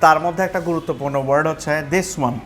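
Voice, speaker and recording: A man with a Bangladeshi accent teaching English pronunciation in a classroom, repeating words slowly and mixing English phrases into his explanations. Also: a little high, a bit bright, slight background noise. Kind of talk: classroom lesson.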